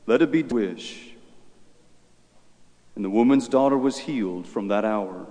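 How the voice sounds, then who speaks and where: A man serving as priest, reading the Gospel in a measured way and then preaching a homily as earnest storytelling, his voice carrying a cathedral echo. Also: on the low side, mellow. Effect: cathedral echo, long church reverb. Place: large church. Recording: echoey church with long reverb.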